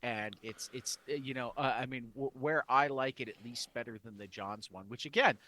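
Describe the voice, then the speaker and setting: A man in casual chat as a podcast co-host, his voice sitting at an ordinary middle pitch. He rambles along, circling back with restarts and fillers as he works out his opinions. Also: normal speed, bright, forceful tone.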